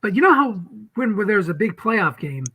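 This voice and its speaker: A man's voice: sits high, sing-song, moderate pace, pushed and bright, slightly rough, poor audio. A man co-hosting a casual league podcast, rambling with lots of restarts. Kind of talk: casual chat.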